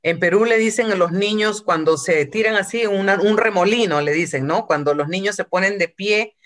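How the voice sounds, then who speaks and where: A woman's voice: mid-range voice, moderate pace. A woman preaching a sermon from Peru, retelling a story and acting out quotes, with some English phrases.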